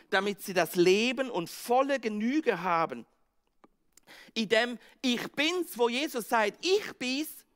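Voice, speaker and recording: A male pastor with a Swiss German accent preaching a sermon, acting out the scene with sudden swings from loud outbursts to hushed words. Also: very high-pitched. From Switzerland. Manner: dramatic, acts out the disciples' panic and Jesus' words, swings from loud to hushed.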